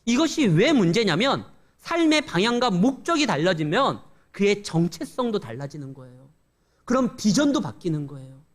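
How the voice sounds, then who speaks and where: A man's voice: high-pitched, sing-song, moderate pace. A male pastor giving a conversational sermon with storytelling and humorous asides.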